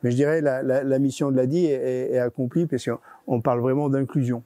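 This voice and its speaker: This man, a nonprofit's regional deputy director, gives explanatory interview answers full of hesitations and repeated words. His dark, mid-range voice moves fairly quickly with fairly even intonation, captured in a dry recording.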